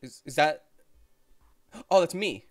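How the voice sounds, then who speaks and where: Really deep voiced lady streamer, slow n hesitant, casual chat and reading out game text. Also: expressive, dry recording, studio quality. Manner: hesitant, searching for words.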